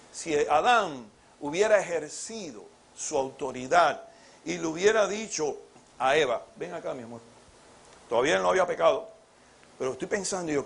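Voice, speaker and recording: A man's voice: a little high, gravelly, breathy edge. A man preaching a sermon with rhetorical questions, acting out biblical dialogue as he goes.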